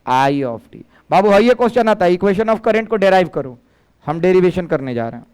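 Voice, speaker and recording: A man's voice: high-pitched, expressive, normal speed, darkish tone, clean tone. A male physics teacher, giving a lecture and coaxing students to call out answers. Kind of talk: classroom lecture.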